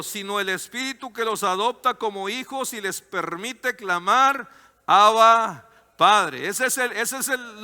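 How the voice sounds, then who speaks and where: A male pastor preaches with fervent, emphatic conviction, at times dropping into a soft, tender register. His voice sits high and sounds sharp and very bright. It rings out with the long reverb of a church hall. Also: clear, resonant tone. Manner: fervent, rising to loud emphatic cries; turns soft and tender in story parts. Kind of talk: sermon.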